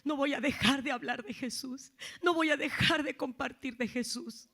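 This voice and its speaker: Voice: sits high, moderate pace, pushed and bright. A preacher voicing a mother standing firm. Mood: resolute. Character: woman prisoner, a mother of a young girl.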